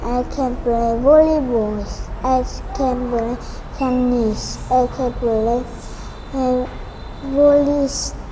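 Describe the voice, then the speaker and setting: A woman answering simple questions in beginner English, halting and repeating each sentence pattern. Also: sits high. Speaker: English student. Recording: background noise.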